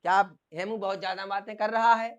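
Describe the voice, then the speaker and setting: Clear-voiced teacher drilling a class. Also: male voice, high-pitched, fairly even intonation, quick pace, a bit bright, dull audio. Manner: drills by asking and repeating questions. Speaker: English teacher. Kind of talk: classroom grammar lesson.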